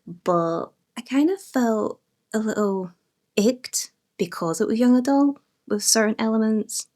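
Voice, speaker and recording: A woman's voice: fairly high pitch, animated, measured pace, a little mellow. A young adult woman chatting casually and enthusiastically about books she has read. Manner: chatty and enthusiastic, lots of fillers. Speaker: book vlogger. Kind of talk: casual book review chat.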